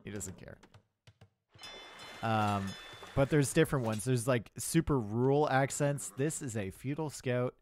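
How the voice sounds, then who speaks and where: A man with a high, smooth voice and a Canadian accent calls an esports match live, joking with chat and delivering dry sarcasm. In tense moments he breaks into loud, excited shouting. There's no echo.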